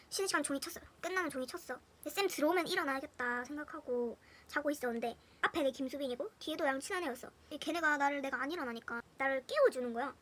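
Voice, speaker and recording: A young woman with a Gyeongsang Korean accent, a storyteller vlogger, tells her viewers funny school stories in a casual, animated way. Her high-pitched voice swings between hushed whispers and loud bursts, with plenty of laughter.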